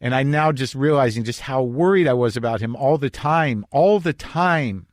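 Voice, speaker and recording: A middle-aged podcast host tells a personal story in a rambling, confessional monologue. His medium-pitched voice moves briskly, captured dry and clean on a studio podcast microphone.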